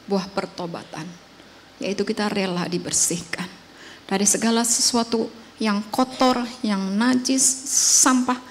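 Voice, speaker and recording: A woman's voice: mid-range voice, a little hiss or hum. Woman preaching a conversational sermon. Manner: conversational testimony, shifting between loud emphatic and soft hushed.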